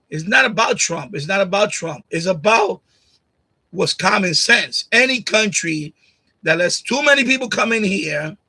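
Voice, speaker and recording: Speaking into a boom-mounted USB condenser mic at his home streaming desk, this Puerto Rican host spars bluntly with commenters, laughing often and saying things more than once. His pitch is high and his tone sharp and breathy. The recording sounds rough.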